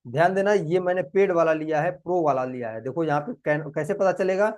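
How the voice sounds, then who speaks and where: A man with a fairly high voice teaches a live online class, walking through each step earnestly and repeating instructions. The sound is dry and close, with no room echo. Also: fairly quick, a little mellow. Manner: earnest, repetitive, explains step by step. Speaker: digital marketing teacher. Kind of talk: live screen-share class.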